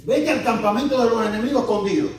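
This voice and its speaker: High-voiced preaching man in an echoey hall. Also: quick pace. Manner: fervent preaching with repeated refrains. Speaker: pastor. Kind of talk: sermon. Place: church. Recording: echoey church hall, distant mic, guitar music.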